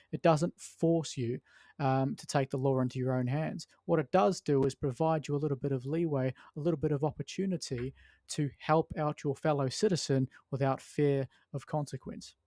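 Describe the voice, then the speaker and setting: A man's voice: on the high side, mellow, no room sound. A man co-hosting a podcast, giving conversational opinions and thinking aloud in broken phrases. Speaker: podcast co-host. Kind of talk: opinion talk, conversational commentary.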